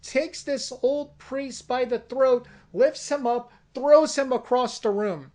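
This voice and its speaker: A person pitching a comic horror movie in deliberate, dramatic narration. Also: a little mellow. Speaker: storyteller.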